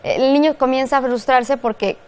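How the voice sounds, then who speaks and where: A woman's voice: sits high, fairly even intonation, moderate pace, a little mellow, clear, resonant tone. A woman with a Mexican Spanish accent, hosting a radio talk show and following up attentively on her guest's points. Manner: attentive, adds follow-up remarks. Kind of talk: interviewing with short backchannels.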